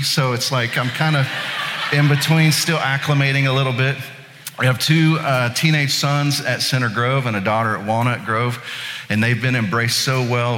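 A pastor in his late thirties from Indiana tells a folksy story poking fun at himself during a casual sermon in a church sanctuary. His medium-pitched voice sounds bright and forceful, with the long reverb of a church hall.

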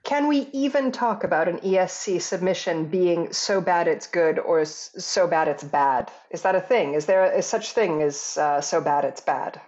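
A woman hosting a podcast interview in casual chat, playful and quick to laugh, often repeating words. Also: on the low side, darkish tone, highs cut off. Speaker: podcast host.

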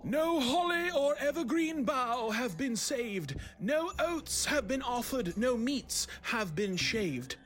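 A man's voice: very high-pitched, very animated, slow pace, few pauses, a bit bright, soft background music, voice pushed up, exaggerated voice. A man voicing a regal ancient elf lord. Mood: menacing. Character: regal ancient male elf host, menacing.

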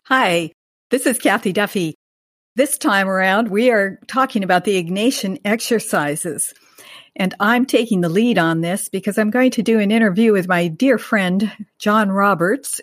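A woman leads a podcast interview as co-host, reading out prepared introductions and questions. Her pitch is medium and the sound is dry, with hardly any room in it. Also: no echo.

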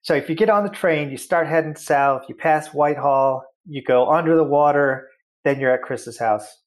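A man's voice: on the high side, moderate pace. A man hosting an interview podcast, asking questions in a friendly, joking, casual way. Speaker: podcast host.

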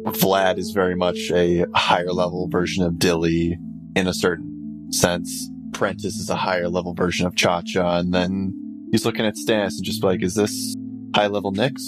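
A man's voice: sits low, flat delivery, normal speed, over music, rough recording. A man playing a tabletop role-playing game, casually chatting and asking questions in and out of character.

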